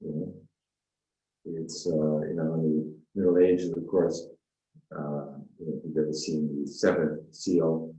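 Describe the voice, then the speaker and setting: A man, a spiritual teacher, giving an unhurried, reflective dharma talk with frequent fillers and asides. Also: very deep voice, mellow, reverberant, lo-fi sound.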